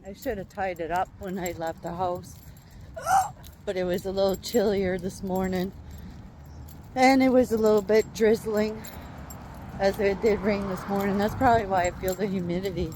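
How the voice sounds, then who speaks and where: A woman's voice: mid-range voice, fairly even intonation, moderate pace. A woman chatting casually to viewers as she walks outdoors, hiccuping over and over as she talks. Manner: chatty, rambling, talking to viewers. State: hiccuping repeatedly. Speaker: vlogger. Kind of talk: casual walking vlog. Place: outdoors walking along streets. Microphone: handheld phone while walking. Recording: outdoor phone recording with street noise.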